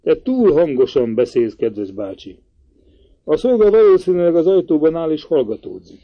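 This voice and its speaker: A man voicing a tired, composed man who speaks calmly and quietly. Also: fairly high pitch, dull audio, pitched above the performer's own voice. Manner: subdued, calm. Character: weary, composed adult man, quiet and restrained.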